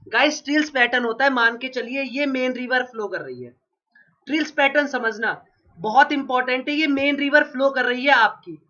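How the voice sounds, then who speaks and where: On a dull, lo-fi recording, a geography teacher with a very high, sharp voice preps his class for exams. Sore-throated from a cold, he coughs now and then and reinforces every point by posing a question and repeating its answer.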